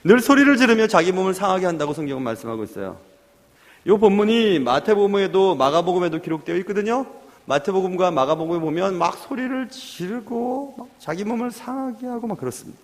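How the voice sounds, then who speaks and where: A male pastor preaching a sermon in an animated way, acting out the voices he quotes. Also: sits high, quick pace. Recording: long hall reverb.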